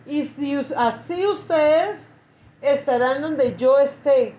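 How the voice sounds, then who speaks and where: High-voiced woman pastor teaching scripture. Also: dark tone, a little hiss or hum. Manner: reads scripture slowly and repeats herself for emphasis. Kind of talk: Bible class teaching with scripture reading. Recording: echoey, muffled lo-fi recording.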